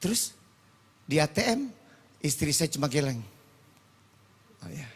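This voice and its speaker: A man preaching a sermon, moving between shouted proclamation and quiet personal storytelling. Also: on the high side, sing-song, measured pace, husky.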